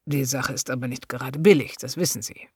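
A woman voicing a smooth-talking male hypnotist who speaks slowly and coaxingly, often close to a whisper. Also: rumbling low, no echo, voice pushed down, exaggerated voice. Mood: smooth persuasive. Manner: slow, soft and coaxing, often near a whisper.

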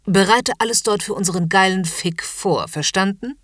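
A woman's voice: medium pitch, normal speed, fairly bright tone, dry recording, studio quality, natural voice. A woman voicing a haughty, domineering upper-class lady in a commanding, mocking whispered role-play.

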